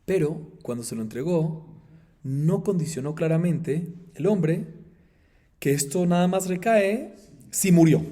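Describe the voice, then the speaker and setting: A man, a rabbi, teaching a Talmud class, explaining the text in an animated way with emphatic highs and chanting the Aramaic passages. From Colombia.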